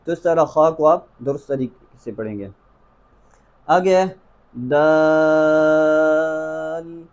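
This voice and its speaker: A man's voice: on the high side, lively intonation, a little mellow. Urdu-accented man teaching Quran recitation. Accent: Pakistani Urdu. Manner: drills letter sounds slowly, repeating each for the viewer. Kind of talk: tajweed lesson.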